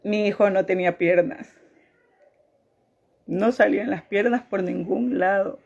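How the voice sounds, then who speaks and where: Woman sharing a faith testimony, slow and halting, with a gravelly edge, heard on a dull lo-fi recording. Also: medium pitch, a little mellow. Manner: halting, repeats phrases. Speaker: woman giving a personal testimony.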